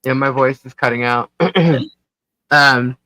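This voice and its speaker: With a rumbling low, sharp-toned voice and flat, slow delivery, a Long Island, New York woman hosts a casual live stream, rambling chattily and laughing frequently. Her poor connection makes her voice cut out, and the dry stream audio is dull and lo-fi.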